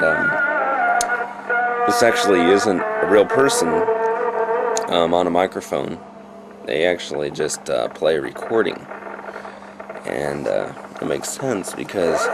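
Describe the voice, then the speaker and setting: A man from the United States casually narrating a school trip video, halting with many fillers and restarts. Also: deep voice, rough recording.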